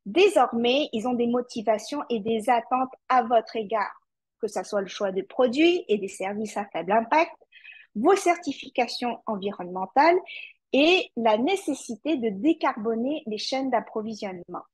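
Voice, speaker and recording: A woman's voice: fairly high pitch, animated, moderate pace, a little mellow, husky, no echo, rough recording. A woman with a French accent presenting a webinar as a climate consultant, speaking directly to her audience with frequent hesitations and fillers. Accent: French (France).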